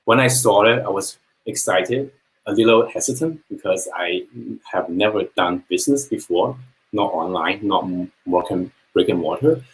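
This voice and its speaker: A Chinese man speaks English as a second language in a low voice at a moderate pace, and the recording quality is poor. On a live webinar he tells the story of his own business, earnest and plain-spoken.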